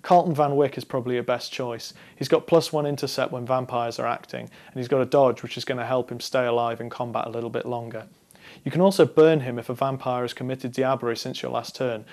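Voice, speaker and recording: A young man in his twenties presenting a scripted explainer on card game strategy, talking straight to camera in a measured, instructive way. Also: mid-range voice, a little mellow. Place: studio against a dark backdrop.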